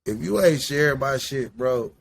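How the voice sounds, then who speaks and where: A Midwestern man in his late forties hosts a podcast as a casual monologue, loose, rambling and profane, while smoking indoors. His medium-pitched voice is animated and creaky at normal speed, with slight background noise.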